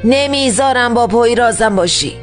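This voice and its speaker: A woman's voice: a little high, over music, close to an everyday voice. A woman dubbing a stern, hostile older aunt who scolds and warns in a cold voice. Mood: scolding. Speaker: dubbing actor. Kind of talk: dubbed TV drama.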